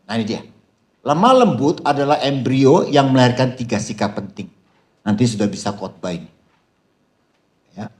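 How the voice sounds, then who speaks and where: A male pastor giving a seminar sermon. His voice sits at a middle pitch. He stays animated, leaning on the crowd with calls of "haleluya" and bursting into loud shouts. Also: normal speed, long pauses. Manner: animated preaching, big shouted punchlines and laughter.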